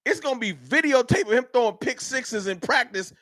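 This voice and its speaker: Very high-pitched and a little fast, this man's voice is recorded in studio quality without room sound. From Dallas, Texas, he hosts a live sports fan stream and rants at his chat in a heated, animated, argumentative way.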